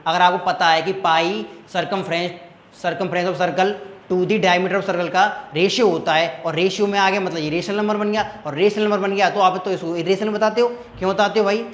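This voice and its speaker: A man's voice: sits high, fairly even intonation, normal speed, roomy sound. A man tutoring maths, walking students through each step and checking often that they follow. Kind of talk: classroom maths lesson.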